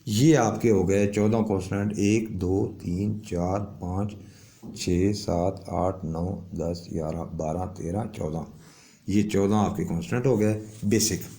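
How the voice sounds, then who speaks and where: ایک مرد استاد جو کلاس میں صبر سے حروف کی آوازیں سمجھاتا ہے اور بار بار "ٹھیک ہے" پوچھتا ہے۔. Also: male voice, low voice, fairly even intonation, warm tone. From Pakistan. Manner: explains patiently with many check-ins. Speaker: language teacher. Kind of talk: classroom lesson explaining an alphabet.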